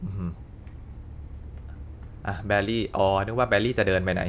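A man's voice: fairly low pitch, normal speed, slight background noise. A man hosting a gaming channel who gives chatty let's play commentary and exclaims at the action.

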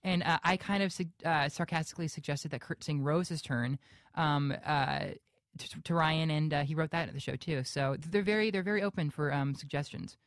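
A young man with a high-pitched voice answers questions as a radio guest. He talks haltingly, with lots of fillers and restarts. The sound is close and dry. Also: a bit bright, dry recording. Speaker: guest actor. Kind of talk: radio interview.

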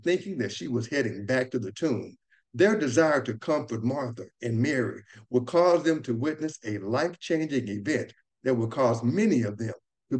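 A man giving a Bible study lesson in an earnest, measured teaching voice. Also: mid-range voice, darkish tone.

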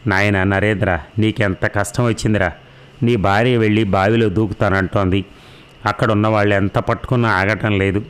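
A man's voice: fairly low pitch, steady tone, moderate pace, smooth, lightly acted. A man reading the part of a distressed middle-aged village woman, urgent and pleading. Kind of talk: storybook narration.

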